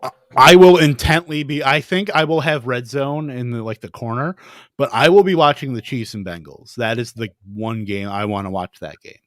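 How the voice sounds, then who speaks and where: A man in the host's chair, chatting casually and rattling through plugs with quick self-corrections. His voice sits at a middle pitch and the sound is dry and close. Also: a bit bright, no echo. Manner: rapid, rambling sign-off with self-corrections. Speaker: podcast host. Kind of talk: casual fantasy football chat.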